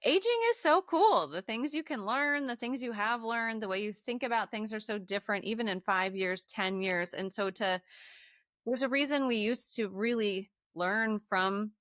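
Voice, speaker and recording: A woman's voice: a little high, normal speed, a bit bright, no room sound, clean studio sound. A woman in her forties, a life coach, talking on a podcast in an enthusiastic, affirming way. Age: 40s. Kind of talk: casual conversation.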